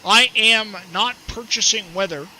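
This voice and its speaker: A man with a high, very bright and forceful voice talks through a flight sim stream in a relaxed, chatty way. He laughs often and slips into clipped pilot radio calls as he reads back clearances. A faint hum of noise sits under his voice. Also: unhurried, low-quality recording. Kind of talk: casual gameplay commentary with radio calls.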